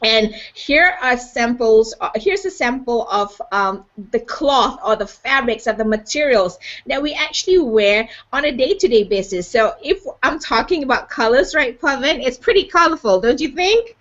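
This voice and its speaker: A woman's voice: on the high side, animated, normal speed, few pauses, fairly bright tone. A woman from Malaysia hosting a live online show, upbeat and chatty with lots of "you know" fillers, over a video call. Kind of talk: live webcast chat. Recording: dull lo-fi video call audio.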